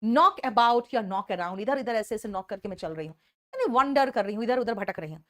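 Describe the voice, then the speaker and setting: A woman teaching English phrasal verbs to a class in Hindi, reading the example sentences slowly in Indian English and scolding and teasing her students. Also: on the high side, expressive, a bit bright. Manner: scolding, teasing students, calls them beta. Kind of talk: online class lecture.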